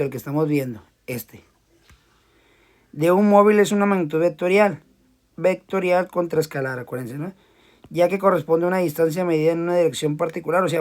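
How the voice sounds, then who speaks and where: A man gives a relaxed physics lesson. He talks loosely and repeats himself as he explains a problem and sketches a diagram for his students. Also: fairly high pitch. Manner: casual, repeats words while drawing. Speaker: physics teacher. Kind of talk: casual classroom lecture.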